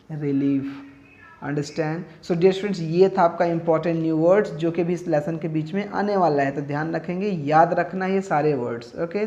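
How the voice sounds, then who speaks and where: A man's voice: fairly high pitch, a little mellow, dull audio. A male teacher, giving a classroom vocabulary lesson, repeating each word for students to echo and often checking they follow. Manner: repeats words slowly for students to echo, with frequent check-ins.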